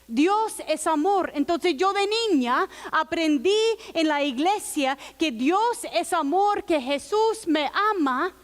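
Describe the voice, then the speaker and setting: High-voiced woman pastor, slow sermon. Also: animated. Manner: earnest, personal storytelling with quiet quoted asides.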